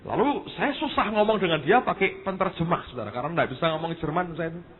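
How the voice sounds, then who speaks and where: A man's voice: on the high side, lively intonation, fast talker. Male pastor, tinny recording. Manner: storytelling, often addressing the congregation as "saudara". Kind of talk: sermon. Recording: tinny phone-like sermon recording.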